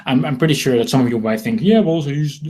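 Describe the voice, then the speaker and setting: A Dutch man from the Netherlands hosts a casual live webinar selling marketing software, rambling, repeating himself and poking fun at himself. His mid-range voice has a dark tone, and he talks quickly.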